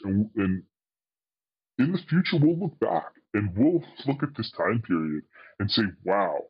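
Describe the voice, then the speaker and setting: A man's voice: lowish voice, breathy edge, lo-fi sound. Man with an altered, disguised voice. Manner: hesitant, many fillers and restarts. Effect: voice altered to disguise identity. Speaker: anonymous guest, tech specialist. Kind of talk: interview answers.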